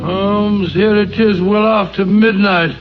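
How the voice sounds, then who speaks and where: A man's voice: high-pitched, fairly even intonation, takes it slowly, music in the background. An actor playing a loyal, weary male doctor sidekick in an old radio drama, bluff and exasperated. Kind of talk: 1940s radio acting. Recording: dull lo-fi old radio recording.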